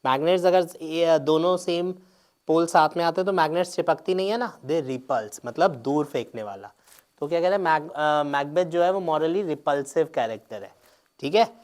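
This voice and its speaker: Going over exam answers in his explanation lecture, the teacher proceeds step by step, switching between Hindi and English and frequently checking in with listeners. His voice is on the high side, and he talks at normal speed.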